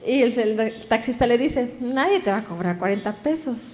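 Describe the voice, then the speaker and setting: A woman's voice: a little high, expressive, normal speed, a little mellow, highs cut off. A woman with a Mexican accent preaching a sermon, telling a story and acting out the voices of the people in it.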